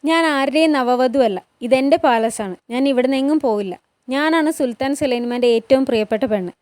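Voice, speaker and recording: A woman's voice: high-pitched, fairly quick, a little mellow, dry recording, lightly acted. A woman voicing a fiery, tearful young woman who talks in a pleading, defiant way.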